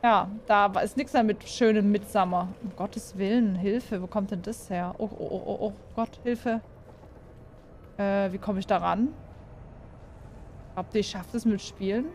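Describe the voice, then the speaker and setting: A gaming YouTuber with a mid-range, darkish voice speaks unhurriedly and with fairly even intonation as she plays a horror game, though she's jumpy, exclaims often, and asks her viewers questions. There's a little hiss or hum on the recording.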